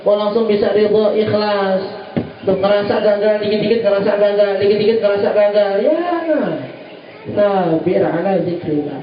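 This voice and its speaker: Animated preacher man, distant and echoey. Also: high-pitched. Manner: animated, teasing slang, mimics voices. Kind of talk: sermon. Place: religious study gathering. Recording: distant, roomy, dull lo-fi recording.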